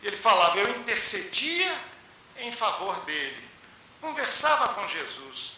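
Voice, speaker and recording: A man giving a spiritual lecture to a public meeting, telling a story with measured, emphatic pauses. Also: sits high, sing-song, sharp tone. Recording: echoey hall with faint hiss.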